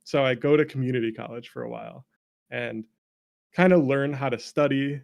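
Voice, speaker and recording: Speaking at normal speed in a mid-range voice marked by vocal fry, a North American man around thirty, late 20s to early 30s, appears as an interview guest. The game developer shares casual conversational stories, laughing readily, cursing freely and poking fun at himself.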